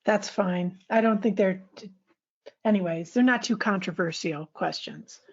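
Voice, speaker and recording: Woman podcast host, eager and admiring, dry close-miked sound, mid pitch. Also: measured pace, dry recording, highs cut off. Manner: eager, admiring questions and friendly asides to listeners. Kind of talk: podcast interview and scripted narration.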